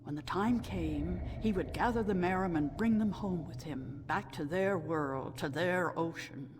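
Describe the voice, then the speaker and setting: A woman playing a sweet, gentle old female storyteller of a non-human tribe in a video game, speaking in a measured way. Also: lowish voice, lightly acted. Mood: wistful, reverent. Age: older. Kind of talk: scripted video game dialogue. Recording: echoing hall reverb, clear background noise.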